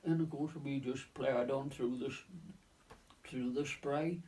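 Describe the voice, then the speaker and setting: A man in his nineties, a navy veteran recounting his wartime service in an oral-history reminiscence, halting and full of restarts and repeated words. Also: medium pitch, steady tone, warm tone. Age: 90s. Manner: leans on stock phrases like "of course" and "lo and behold". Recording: voice distant from the mic.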